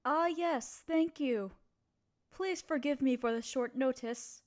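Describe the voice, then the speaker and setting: Speaking slowly in a high register, she plays a gentle, well-mannered young noblewoman in an intimate roleplay recording. Her words to the listener are formal and softly hesitant, and her mood comes across as polite and gentle.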